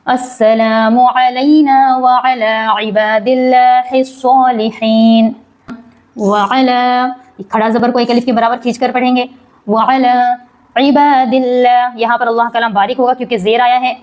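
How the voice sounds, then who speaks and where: A woman with a slightly high voice teaches a prayer line by line. She stretches each recited phrase out slowly and carefully, then switches to brisk, plain explanation. She often poses a question and answers it herself. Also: darkish tone. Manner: asks and answers her own questions. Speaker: religious teacher. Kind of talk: recitation lesson with slow drawn-out chanting.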